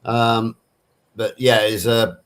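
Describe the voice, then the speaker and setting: On a livestream panel, this middle-aged Somerset man answers viewers' questions in casual live chat, with a nondescript Southern English accent. He speaks slowly in a lowish voice with little pitch movement, wordily restating his points.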